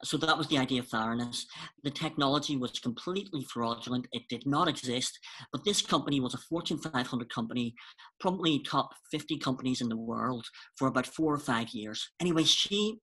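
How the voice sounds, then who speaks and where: Husky-voiced male host. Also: medium pitch, a little fast, sharp tone. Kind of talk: casual chat.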